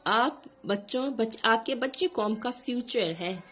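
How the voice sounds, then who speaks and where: A middle-aged woman, telling a story in a casual vlog in an animated, indignant way. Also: a little high, a little slow. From Pakistan. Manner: animated, indignant, acts out quotes. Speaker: vlogger.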